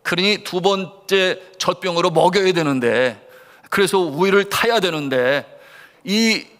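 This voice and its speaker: A man's voice: a little high, fairly bright tone. A middle-aged male pastor preaching a sermon with earnest emphasis and rhetorical questions to his congregation. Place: church sanctuary. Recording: long church reverb.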